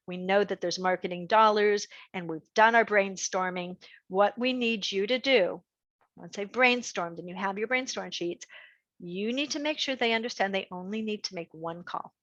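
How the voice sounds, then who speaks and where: A middle-aged woman leads a fundraising workshop with an animated, lively delivery, swinging her pitch up and down to keep listeners engaged. Her voice sits mid-range for a woman. The recording is dry and a little dull. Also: no room sound. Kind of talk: online workshop presentation.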